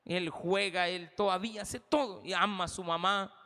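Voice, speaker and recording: Brief: impassioned Salvadoran male pastor, bright forceful voice, big echoing church. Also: high voice, fairly even intonation, normal speed. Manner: impassioned, addresses the congregation directly. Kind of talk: sermon.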